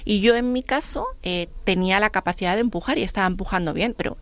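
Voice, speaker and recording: Woman telling lively stories, gravelly. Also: medium pitch, fast. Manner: lively storyteller acting out dialogue. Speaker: guest. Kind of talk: radio interview storytelling.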